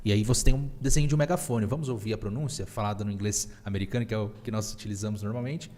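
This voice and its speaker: A man's voice: on the low side, very fast, a little mellow, in a large hall. Upbeat Brazilian male English teacher. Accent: Brazilian Portuguese. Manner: upbeat, teacherly, mixes English phrases into explanations. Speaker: English teacher and podcast host. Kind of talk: live online English lesson.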